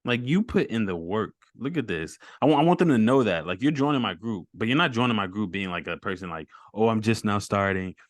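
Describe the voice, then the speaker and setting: Hosting a relaxed video-call interview, a deep-voiced man offers upbeat encouragement laced with easy slang. He talks briskly with hardly any pauses, and the dry recording carries no room sound.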